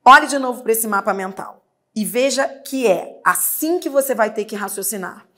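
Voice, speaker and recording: A woman's voice: on the high side, lively intonation, bright, forceful tone. A woman teacher with a Brazilian Portuguese accent, giving a grammar lesson and asking and answering her own questions. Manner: patient, drawn-out explanations, asks and answers her own questions. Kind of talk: exam-prep grammar lesson.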